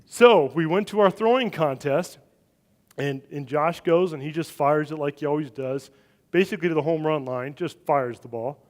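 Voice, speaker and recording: Middle-aged male pastor, slightly higher voice, animated storyteller in a church sermon. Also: normal speed. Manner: animated storytelling, acting out quotes with big loud swings. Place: church sanctuary.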